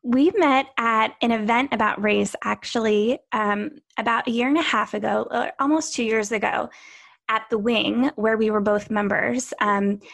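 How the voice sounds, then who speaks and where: A woman guest from Pennsylvania speaking in a slightly raised voice. She talks through her story in a relaxed interview, thoughtful and pausing with small hesitations. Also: a little high, creaky. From Pennsylvania, USA. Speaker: podcast guest, co-founder. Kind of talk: casual interview conversation.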